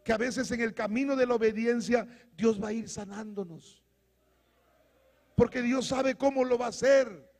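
A male pastor preaching a fiery sermon, calling out to the congregation and rising to shouts. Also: very high-pitched, moderate pace. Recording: long hall reverb.

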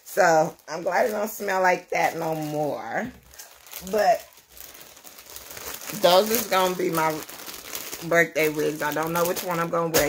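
This woman in her 30s, a vlogger and mother of many, rambles and laughs while chatting casually to camera in a small room at home. Her voice sits on the low side with a fairly bright tone, and there's slight background noise.

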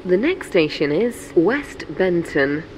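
An onboard train announcement that rises and falls in a lively, sing-song way. She speaks very slowly and formally over the PA, and loud train rumble runs underneath the game audio. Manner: measured, formal and evenly spaced. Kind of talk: recorded station announcements.

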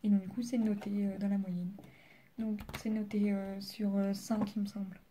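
Teen girl, study vlog, casual chatter, mellow warm voice, faint hiss behind. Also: medium pitch, level tone, moderate pace. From France. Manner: chatty, many fillers, drops to soft murmurs. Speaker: student vlogger.

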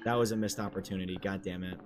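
A young man playing a horror game and commenting casually, excitable and swearing, with sudden yelps at scares. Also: low voice, very fast, soft background music. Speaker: let's play gamer.

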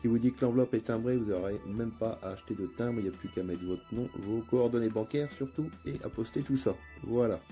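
A man with a northern French accent hosts his own channel, narrating a casual unboxing in a chatty, relaxed way with lots of hesitations. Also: lowish voice, fairly quick, hardly any pauses. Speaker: channel host. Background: faint background music.

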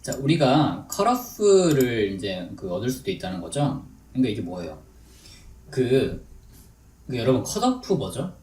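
A man teaching business English in a chatty lecture, drilling English phrases slowly and deliberately. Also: medium pitch, very animated, a little mellow. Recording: echoey room, distant mic, faint noise.

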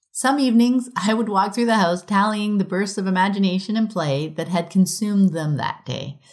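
A middle-aged woman with a lowish voice, working as a podcast host, reads a prepared conference talk aloud in a measured, reflective manner.

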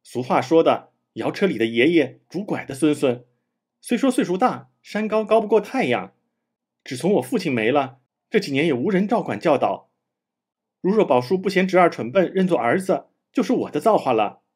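A man with a husky voice reading the lines of a clever, flattering young man of eighteen from a storybook. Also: fairly high pitch, moderate pace. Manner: ingratiating.

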